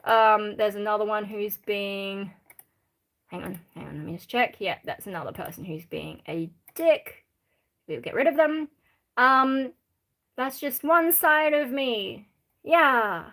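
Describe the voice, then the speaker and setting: A woman's voice: mid-range voice, expressive, unhurried, fairly bright tone. An Australian woman chatting casually on a livestream, reading out viewer questions in a blunt, irreverent, rambling way. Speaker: live streamer.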